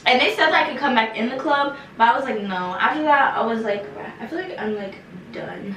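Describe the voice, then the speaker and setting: A young woman telling a casual storytime, animated and slangy with lots of fillers. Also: fairly high pitch, fairly quick, slight background noise. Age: young adult. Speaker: vlogger. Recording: echoey room, mic some distance off.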